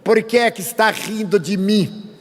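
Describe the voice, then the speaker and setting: A quarrelsome stranger snaps out short, suspicious questions in a fairly high voice, voiced by an older man. The words carry a long, trailing reverb from a large hall. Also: unhurried, slight background noise. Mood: confrontational. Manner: challenging, abrupt questions. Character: irritable middle-aged man confronting a stranger in a queue.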